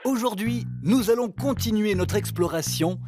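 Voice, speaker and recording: A man hosting and narrating a scripted educational cartoon in a bright, playful, emphatic way. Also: sits high, moderate pace, over music. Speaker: narrator and host.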